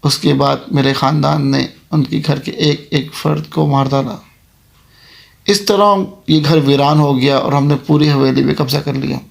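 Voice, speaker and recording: A man's voice: fairly high pitch, little pitch movement, a little slow, gravelly, pitched below the performer's own voice. A man voicing the female ghost of a haunted mansion, speaking in a solemn, warning tone as part of a told horror story. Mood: mournful.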